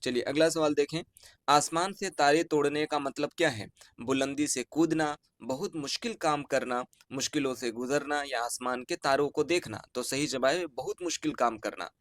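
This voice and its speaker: Teaching online, a man with an Urdu-inflected Hindustani accent from Bihar works through an exam answer key, reading each question and its options slowly before repeating the correct answer. His pitch is fairly high, and the studio-quality recording has no echo.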